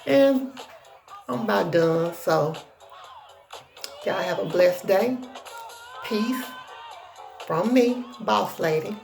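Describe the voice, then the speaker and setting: A woman with a deep Southern US accent chatting casually to her viewers in a folksy, sassy, self-assured country way. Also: lively intonation, drawn-out words, vocal fry, pauses often, over music. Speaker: hair tutorial vlogger.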